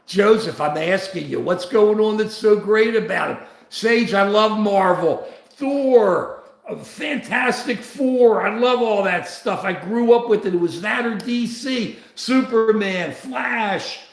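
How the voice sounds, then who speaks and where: Older man, political livestream host, lively swooping pitch, repetitive animated talk. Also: slow, vocal fry, echoey room.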